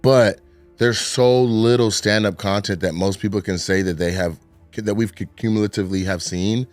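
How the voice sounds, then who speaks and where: Deep-ish comedian guy chatting, playful, picks his words carefully, soft music under it. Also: moderate pace, no room sound. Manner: animated, playful, careful hedging. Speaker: comedian guest. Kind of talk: casual chat.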